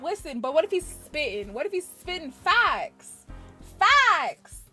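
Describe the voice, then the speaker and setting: A young woman streaming a video game, giggly and excitable as she reacts and comments. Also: very high-pitched, slow, faint music behind. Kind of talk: let's play commentary.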